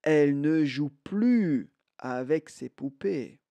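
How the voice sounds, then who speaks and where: A man teaching a beginner French lesson, saying each example sentence and then repeating it slowly for learners to echo. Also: fairly high pitch, lively intonation, creaky, warm tone. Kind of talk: slow language lesson with repetition drills.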